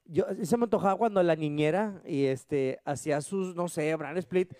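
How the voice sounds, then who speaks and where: A man's voice: on the high side, normal speed, warm tone, clean tone, dry recording, clean studio sound. A man with a northern Mexican Spanish accent, trading teasing, slangy banter in casual chat.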